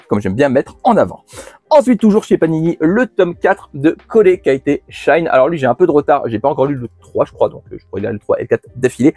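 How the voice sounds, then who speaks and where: A man's voice: medium pitch, dark tone, dry recording. Chatty man hosting a manga haul. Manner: chatty, many fillers and restarts, laughs at himself. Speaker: manga channel host. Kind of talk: casual monthly haul video.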